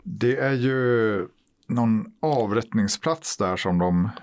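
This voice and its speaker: A Swedish man co-hosts a casual chat in a fairly low voice. He is agreeable, chiming in often with short affirmations. The recording is dry and close to the mic. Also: no room sound. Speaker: podcast co-host.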